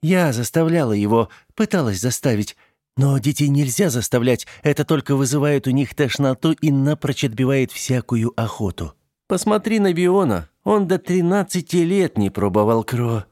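A man's voice: mid-range voice, lively intonation, normal speed, a little mellow, no echo, clean studio sound, pitched above the performer's own voice, close to an everyday voice. A man voicing a middle-aged mother who firmly defends her son. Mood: firm defensive. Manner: firm, defensive. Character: protective, firm middle-aged vampire mother.

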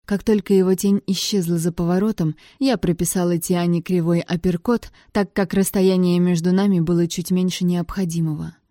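A woman's voice: on the low side, fairly even intonation, moderate pace, hardly any pauses, dark tone, dry recording, studio quality. A woman reading a first-person novel aloud, with a wry, sardonic tone. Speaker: audiobook narrator.

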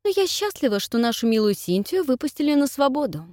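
A woman's voice: high-pitched, sing-song, fairly quick, warm tone, dry recording, clean studio sound, pitched above the performer's own voice. A woman reading the part of a blunt, brusque woman in her forties, curt and stern, in an audiobook.

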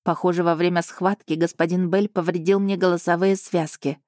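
Low-voiced woman narrating an audiobook. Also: flat delivery, brisk, darkish tone, dry recording, clean studio sound. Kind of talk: scripted first-person narration.

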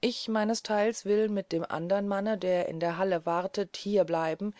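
A woman reading aloud voices a grave, courteous gentleman who speaks in a measured, solemn way. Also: mid-range voice, fairly even intonation, dry recording, clean studio sound, lightly acted.

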